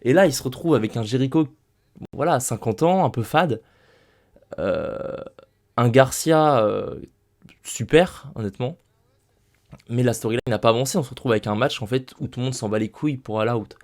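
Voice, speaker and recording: A man's voice: mid-range voice, normal speed, pauses often. A young man talking casually into a desk microphone at home, ranting emphatically and repeating his points. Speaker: wrestling recap youtuber. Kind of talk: casual spoken show recap.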